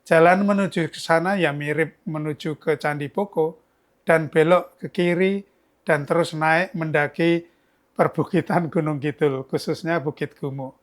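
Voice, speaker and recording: A man's voice: fairly high pitch, steady tone, unhurried. An older man from Yogyakarta, a book's author, telling stories in a casual, chatty interview with frequent restarts. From Yogyakarta, Indonesia. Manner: chatty, storytelling, many restarts. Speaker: author guest.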